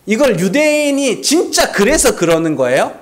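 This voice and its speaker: Animated high-voiced Korean pastor preaching. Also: male voice, moderate pace. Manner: animated preaching with rhetorical questions and mock dialogue. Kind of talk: sermon.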